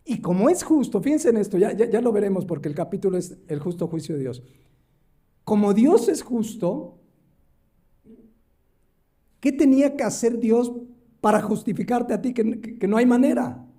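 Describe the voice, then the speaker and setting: Male pastor, high warm voice, emphatic sermon delivery acting out quotes. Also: expressive, normal speed, long pauses. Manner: emphatic, rising and falling for stress; acts out quoted voices in the parable.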